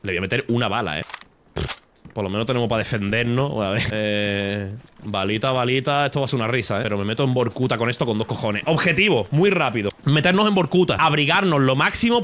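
A man's voice: medium pitch, fast, a bit bright. A man from Spain with an Andalusian accent, streaming a game while rambling, swearing and joking with his chat. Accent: Andalusian Spanish. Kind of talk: gaming livestream commentary. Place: home streaming setup.

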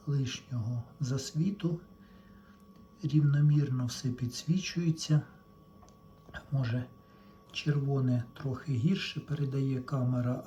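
A man with a warm, mid-range voice casually narrates a hands-on repair, explaining each step plainly to his viewers. He's an electronics repair vlogger, and the home-made video sounds clearly noisy and lo-fi.

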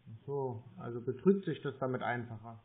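Over a muffled, narrow phone line with heavy background noise, a man pretending to be a customer to bait a scammer speaks in a hesitant, plodding way, asking questions as he goes. His voice is medium-pitched and brisk.

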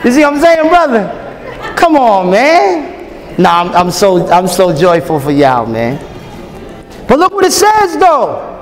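His voice sits high and moves a little slowly. This man in his thirties preaches a lively, joking conference sermon in a big hotel ballroom, engaging the audience in call-and-response, with long hall reverb and faint crowd sound.

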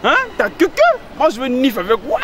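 A man's voice: extremely high pitch, huge pitch swings, normal speed, a crowd in the background. A man, swaggering and challenging others.

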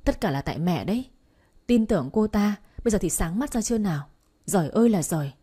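A woman's voice: mid-range voice, expressive, fast, mellow, breathy edge. A woman voicing an angry grown son who reproaches his mother in an audio story. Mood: exasperated. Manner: exasperated, reproachful.

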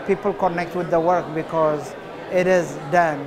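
Relaxed and in no rush, a man in his forties from Ethiopia answers interview questions about himself as an artist, using many filler pauses. He speaks on the high side, recorded indoors at a cafe with a crowd in the background.

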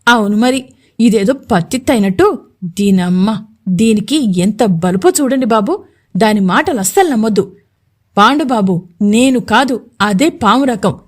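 A woman voicing a scheming lowly male servant who fawns and pleads with his master in an audio story. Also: animated, a little slow, pauses often. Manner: fawning, pleading, gossipy.

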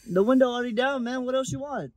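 A young man playing a loud, cocky friend who jokes around in casual slang in an amateur youth drama. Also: very high voice, quick pace, no echo, poor audio.

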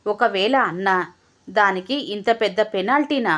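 A woman voicing a calm, clever husband who talks in a mild, easygoing way. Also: mid-range voice, moderate pace, lightly acted.

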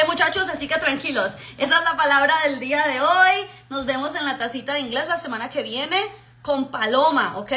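Lively woman teaching English vocabulary. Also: high-pitched. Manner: lively, drills words slowly and repeats them; addresses learners as muchachos, checks with ok. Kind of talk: casual vocabulary lesson.

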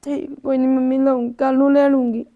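An actress playing a tearful young daughter-in-law who hides her hurt, speaking quietly and hesitantly. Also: high-pitched, flat delivery, fairly quick, narrow, tinny audio. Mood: subdued. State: crying. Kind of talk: family drama acting.

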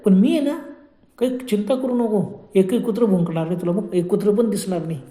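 A man voicing a calm young man who soothes a frightened friend in a spoken horror story, in a steady, soothing tone. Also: sits high, brisk, roomy sound, close to an everyday voice. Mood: reassuring.

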